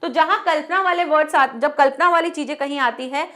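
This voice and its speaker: A woman teacher with an Indian accent and a high voice, talking students through poetic devices. She keeps asking questions and answering them herself. She says the example words slowly and more than once. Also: fairly bright tone. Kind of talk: classroom lesson explaining poetry.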